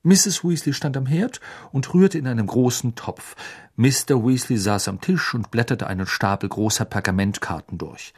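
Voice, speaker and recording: Ein Mann liest ein Hörbuch vor. Seine Stimme ist leicht belegt und liegt in mittlerer Höhe. Er erzählt sehr lebhaft mit viel Melodie. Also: male voice, medium pitch. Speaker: narrator. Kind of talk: audiobook reading.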